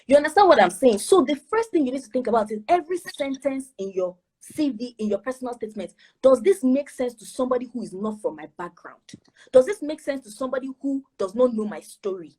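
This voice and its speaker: A Nigerian woman gives admissions advice in an online talk. Her voice sits slightly high and has a husky edge. She speaks emphatically and keeps asking her listeners rhetorical questions. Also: expressive, quick pace, a little mellow.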